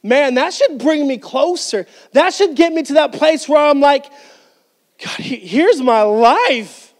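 A pastor in his thirties gives an emphatic sermon from a church stage, handheld mic in hand, gesturing and often restarting. His very high-pitched voice is animated but slow. The recording carries the long reverb of a medium-sized indoor hall.

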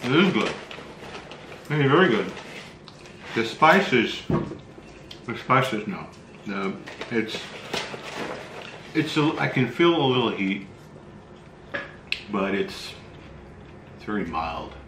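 Low-voiced man in an echoey room. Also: sing-song. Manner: halting, low-key, talking while tasting food. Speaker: spicy food review host. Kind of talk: casual food challenge review. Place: small bright room indoors. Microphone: camera mic across a table. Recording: echoey room, faint background noise.

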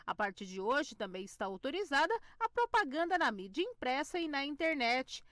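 A woman reporter narrates a television news piece in a steady, clear scripted delivery. Her voice is high and recorded close and dry, with no room around it. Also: normal speed, no echo. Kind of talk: news narration and interview questions.

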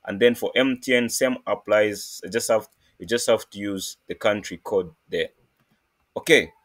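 A man from Zambia hosting a casual screen-recorded coding tutorial, talking in a halting way with many fillers and restarts. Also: on the low side, fairly bright tone. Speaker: programming tutorial host.

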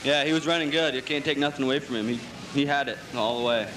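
A man's voice: mid-range voice, fast talker, fairly bright tone. A man, a race driver, giving a casual trackside interview. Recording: echoey PA, faint track noise.

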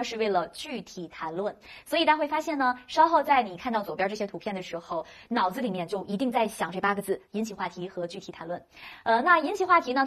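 Quick, high-voiced woman teaching grammar. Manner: explains patiently, repeats English example sentences slowly; asks the class rhetorical questions. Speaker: English teacher. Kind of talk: recorded grammar lesson.

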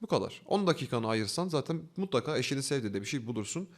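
A man's voice: medium pitch, sing-song. A man teaching a self-development lesson, walking through steps by asking himself questions and answering them, with an earnest, coaxing delivery. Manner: fast, earnest, coaxing delivery with rising emphasis. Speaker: online self-development instructor. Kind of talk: instructional talk.

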